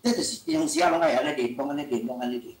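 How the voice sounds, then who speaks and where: A man's voice: mid-range voice, fairly even intonation, rapid-fire. A male lecturer giving an online language lesson in a chatty way, full of filler sounds. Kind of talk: online teaching talk. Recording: roomy echo.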